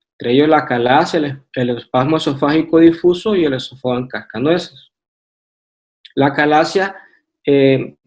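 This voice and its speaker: Male medical presenter, Honduran Spanish accent, slightly raised pitch, steady academic slide talk with small restarts. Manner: methodical, with hesitant fillers and restarts. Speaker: radiology resident presenting.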